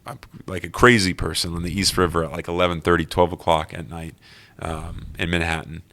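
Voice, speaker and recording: A man telling his own personal story in an earnest, animated way during an interview. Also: deep voice, fairly quick. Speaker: guest.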